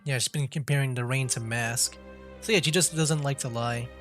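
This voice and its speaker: A man's voice: medium pitch, normal speed, a bit bright, soft background music. A man commenting casually on a story game as he plays, with frequent fillers and laughs. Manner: chatty, full of fillers and laughs. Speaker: gaming streamer. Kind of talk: casual let's-play commentary.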